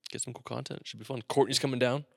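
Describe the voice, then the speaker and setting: A man's voice: mid-range voice, steady tone, fast talker, creaky, no echo, clean studio sound. A man co-hosting a casual podcast chat, joking around and rambling with filler words. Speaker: podcast co-host.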